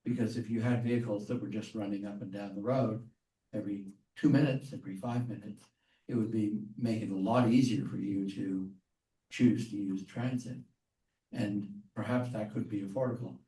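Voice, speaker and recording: An older man asking a question in a group video call meeting, speaking in a measured, hesitant way with frequent ums. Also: on the low side, steady tone, warm tone. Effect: heard over a group video call. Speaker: community member asking a question. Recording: distant, echoey call audio.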